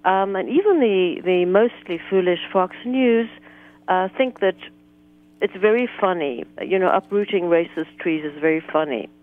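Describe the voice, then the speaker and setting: A woman's voice: on the low side, normal speed. Phone-in guest, woman from South Africa, articulate and pointed, thin phone-line sound. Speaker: guest author. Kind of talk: political talk radio interview.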